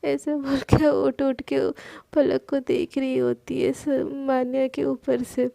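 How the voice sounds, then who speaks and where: A woman narrating a romantic story in a soft, intimate voice that sometimes drops almost to a whisper, close to the mic. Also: high voice, flat delivery, slow pace, creaky, no echo.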